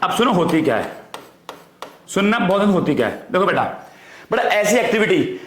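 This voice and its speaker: Brief: male teacher, fairly high voice, drills students with repetition, echoey room. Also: very animated, normal speed, fairly bright tone. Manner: repetitive call-and-response drilling, addresses students as "beta". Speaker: economics teacher. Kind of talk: online class lecture.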